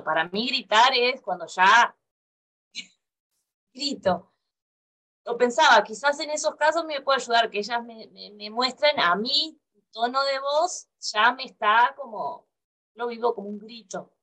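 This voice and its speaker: A woman's voice: a little high, pushed and bright. A woman taking part in a parenting group, speaking hesitantly and often repeating words as she searches for them. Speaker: group participant. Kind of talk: reflective group discussion.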